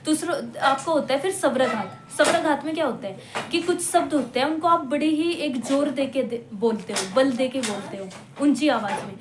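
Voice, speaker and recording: A woman teaching a lesson, explaining patiently, saying example words slowly and often checking that listeners follow. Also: high voice. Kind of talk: classroom-style lecture. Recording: echoey room with faint hum.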